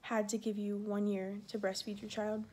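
A woman's voice: medium pitch, level tone, moderate pace, warm tone, a little hiss or hum. A pregnant woman in her twenties who serves in the Air Force, chatting casually in a rambling vlog, full of fillers and a little short of breath.

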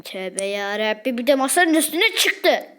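A woman voicing an exasperated mother of a mischievous child, sighing out slow, weary exclamations. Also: a little high, very animated, a bit bright, voice pushed down.

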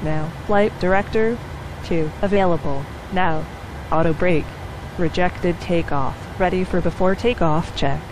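A woman's voice: lowish voice, unhurried. A woman playing airline pilot in a flight simulator, reading checklists and radio calls in clipped cockpit headset style over a headset mic. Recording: steady background hum.

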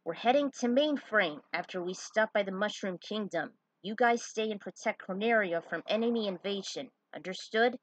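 A woman voicing a cool male fox pilot and squad leader, measured and decisive. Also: medium pitch, dry recording, lightly acted, low-quality recording.

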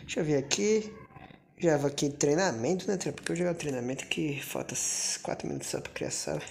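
A woman streaming a mobile shooter live, keeping her voice down but cursing and groaning excitedly at missed shots. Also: sits low, brisk, creaky. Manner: keeps voice down, can't narrate loudly. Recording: noisy stream audio with mic clicks.

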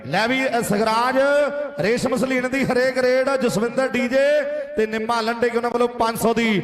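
Male Punjabi rural kabaddi announcer, excited, very high-pitched, chummy chanted calls, crowd behind. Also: moderate pace. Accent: Punjabi, from Indian Punjab. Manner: chanting repeats, addresses listeners as friends. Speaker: kabaddi match commentator and announcer. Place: outdoor village kabaddi tournament ground. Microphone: public-address microphone. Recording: echoey PA system, crowd noise.

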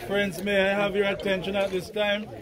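A man with a Jamaican accent officiates as minister at a graveside service in a measured, solemn, declamatory way, recorded outdoors. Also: high voice, completely flat delivery. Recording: open-air recording with crowd noise. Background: crowd and outdoor sounds.

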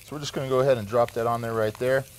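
A man's voice: medium pitch, fairly even intonation, rapid-fire, slight background noise, low-quality recording. A man in his thirties, a guest chef on a TV studio kitchen set, talking enthusiastically through a cooking demo with lots of "you know what I mean".

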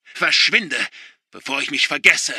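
A man reading an audiobook, voicing a bitter middle-aged father who shouts contemptuous insults at his children. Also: fairly high pitch, measured pace, breathy edge, no room sound, studio quality, voice pushed up, full character voice. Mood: furious shouting.

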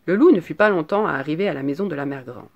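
Host reading an old fairy tale out loud, steady and measured, chatty little asides in between. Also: mid-range voice, dull audio. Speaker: storyteller and channel host.

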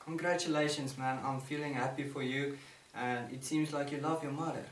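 A man's voice: mid-range voice, steady tone, normal speed. Roomy, distant-sounding teenage young man. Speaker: challenge video host. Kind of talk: casual chat to camera. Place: indoor room with bare walls. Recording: roomy, distant mic, faint noise.

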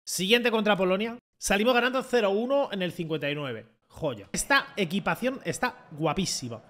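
A young man with a Spain Spanish accent, commenting his own football video game in an excitable, mocking way and swearing often. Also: high voice, moderate pace. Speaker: gaming content creator. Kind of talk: casual gameplay commentary.

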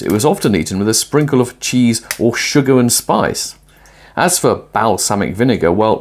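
A middle-aged man talks through a cooking and philosophy film from his home kitchen, clipped to a lapel mic. His low voice rises and falls a lot as he explains his ideas with thoughtful energy. A soft hiss sits under his voice. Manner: thoughtful, lively explanatory delivery. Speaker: host.

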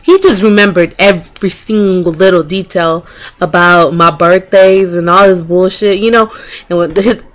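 A woman in her thirties telling a story to camera in a casual vlog, animated and profane, with sassy, dismissive asides and frequent laughter. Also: fairly low pitch, moderate pace. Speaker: vlogger.

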